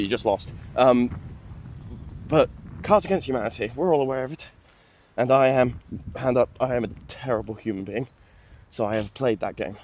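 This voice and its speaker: A man's voice: medium pitch, a little mellow, a little hiss or hum. A man vlogging on a walk with a phone held at arm's length, chatting in a rambling, joking, self-mocking way. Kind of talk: rambling casual vlog. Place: outdoors on a walk.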